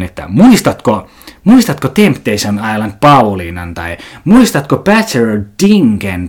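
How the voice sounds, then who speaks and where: A man hosting a podcast alone, rambling and sarcastic, swearing and leaping into a mock-indignant high voice. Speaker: podcast host. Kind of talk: casual comedic monologue.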